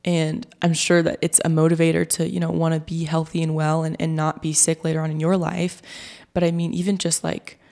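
A woman's voice: low-pitched, little pitch movement, fairly quick, gravelly, darkish tone. A woman hosting a wellness podcast, talking earnestly in a conversational interview and quoting herself with animation. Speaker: podcast host.

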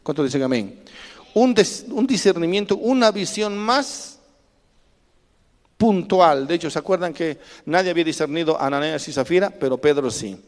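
High-voiced man preaching emphatically. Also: animated, normal speed. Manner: emphatic preaching with call-and-response prompts. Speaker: pastor. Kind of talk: sermon. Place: church. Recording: reverberant church hall.

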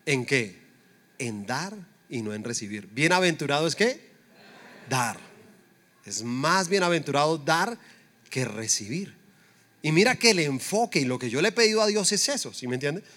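A middle-aged man, preaching in a church. His voice sits a little high for a man, and he talks to the congregation in an easy, conversational way. He keeps throwing them rhetorical questions. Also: big pitch swings, normal speed, long pauses, fairly bright tone. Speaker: pastor. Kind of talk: sermon.

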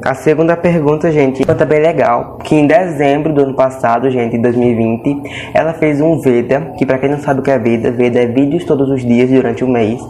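A man's voice: mid-range voice, fairly even intonation, a little fast, mellow, slight background noise. A man with a Brazilian Portuguese accent hosting a casual podcast, chatty and repeating little checks to the listener. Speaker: podcast host.

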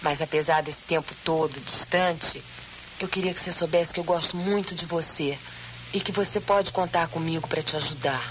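An actress with a Brazilian Portuguese accent dubbing a gentle, caring older woman in a 1980s film, soft-spoken and measured. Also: sits low, fairly even intonation, lightly acted, low-quality recording. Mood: tender.

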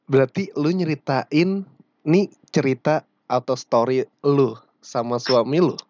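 Very low-voiced woman host, dry muffled sound. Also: unhurried, warm tone, no room sound. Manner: brief, prompting interjections. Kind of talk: casual interview.

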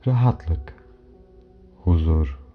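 A man with a deep voice leads a guided meditation over clearly audible music. His delivery is calm, soft and soothing, with measured instructions and unhurried pauses. The recording sounds slightly dull and lo-fi. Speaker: guided hypnomeditation host. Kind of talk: slow guided meditation narration. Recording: dull lo-fi audio under music. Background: clear background music.

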